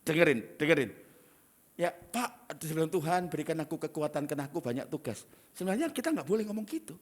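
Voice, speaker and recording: A middle-aged man, preaching a sermon as pastor in a lively, teasing manner with asides. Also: a little high, fast talker.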